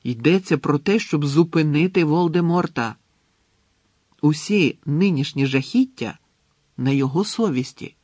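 A man voicing a clever, bossy schoolgirl in an audiobook, speaking eagerly and insistently with a gravelly, husky voice. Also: on the high side, unhurried, darkish tone, no room sound, studio quality, voice pushed up. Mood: stern. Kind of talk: audiobook character reading.

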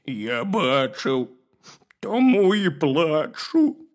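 A storyteller voicing a gentle bear cub who weeps over the passing of autumn. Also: medium pitch, sing-song. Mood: tearful. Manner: slow, drawn-out, sobbing. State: weeping. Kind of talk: storybook reading.

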